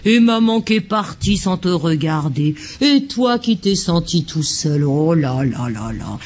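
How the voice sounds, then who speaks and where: A husky-voiced woman voicing a tender mother who soothes a sad baby in singsong baby talk. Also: fairly low pitch, very animated, racing, darkish tone, pitched below the performer's own voice. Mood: cooing.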